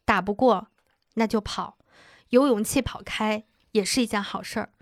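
A woman's voice: mid-range voice, normal speed, no echo, clean studio sound. A woman in her thirties co-hosting a casual chat, telling stories and acting out quoted lines. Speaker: podcast co-host.

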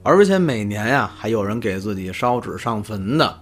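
A man hosting a storytelling podcast, narrating in a lively, chatty way with asides to his co-host. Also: lowish voice, moderate pace, soft background music.

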